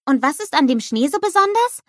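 Patient female teacher played by a woman, gentle, lively voice, dry sound. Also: sits high, fairly quick, no echo, pitched above the performer's own voice. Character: kind, patient female schoolteacher.

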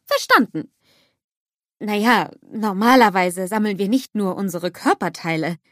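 A woman voicing a kind, patient female schoolteacher who corrects gently. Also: mid-range voice, animated, measured pace, no room sound, studio quality, natural voice. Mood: gentle.

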